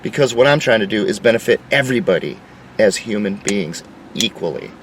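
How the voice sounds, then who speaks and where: A man's voice: lowish voice, lively intonation, brisk, distant mic, slight background noise, rough recording. A man delivering an insistent, lecturing opinion monologue. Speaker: commentator.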